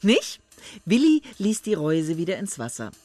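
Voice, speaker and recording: An unhurried audiobook narrator whose pitch rises and falls freely, telling the story in a lively, expressive way. The sound is dry and close, with no room around it. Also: no room sound, faint music behind. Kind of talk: audiobook reading.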